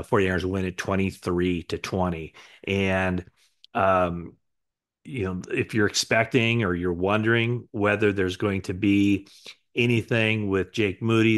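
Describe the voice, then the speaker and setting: Low-voiced middle-aged man giving a sports news recap. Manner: conversational, with many fillers and self-corrections. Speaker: sports reporter. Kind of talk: recap to camera. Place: living room with sofa, indoors.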